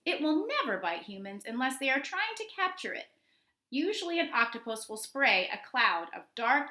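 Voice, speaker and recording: Reading a nature book aloud to a group of children, a woman teacher enunciates clearly and expressively while asking her young listeners questions. Her voice is high-pitched, bright, and forceful, and the recording sounds echoey and roomy.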